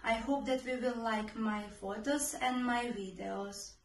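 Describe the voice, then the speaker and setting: A woman's voice: fairly high pitch, distant mic, slight background noise. A woman in her twenties from Croatia with a Croatian accent, introducing herself in careful English and then singing solo. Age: 20s. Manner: slow, careful non-native English. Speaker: contestant singer. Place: small room indoors. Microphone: phone camera a few steps away. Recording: echoey room with backing music.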